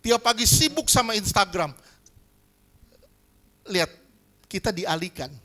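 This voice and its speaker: Male pastor, high bright voice, lively sermon style. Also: unhurried. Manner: lively preaching, asks the congregation to agree. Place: church hall.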